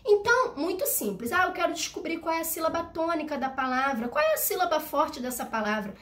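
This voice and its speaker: A woman's voice: very high-pitched, very animated, fairly quick, a bit bright. A woman teaching a video lesson for children, patient and step by step, checking in often and singing out words to show the stressed syllable. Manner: patient, explains step by step, frequent "tá?" and "né?". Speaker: primary school teacher.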